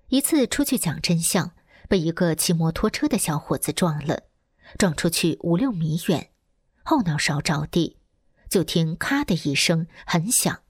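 Low, husky woman reading a testimony. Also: no room sound, studio quality. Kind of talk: first-person testimony narration, read aloud.

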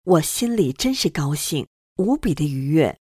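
An earnest reader narrates a first-person testimony at a steady, scripted pace. The voice sits at a middle pitch but moves expressively up and down. It sounds close and dry, with no room around it. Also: moderate pace, breathy edge, no room sound.

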